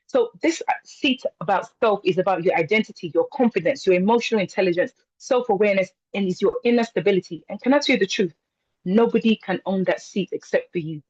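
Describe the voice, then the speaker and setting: A woman's voice: mid-range voice, darkish tone, husky, no echo, highs cut off. A young woman giving an emphatic motivational speech to a group of women, with repetition and rhetorical questions. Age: young adult. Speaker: motivational speaker.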